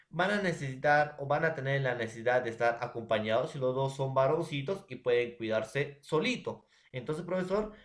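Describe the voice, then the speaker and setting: A man with a Peruvian Spanish accent teaching a recorded grammar lesson, often checking in with his students. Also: medium pitch. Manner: addresses students as jóvenes, checks with ¿ya?.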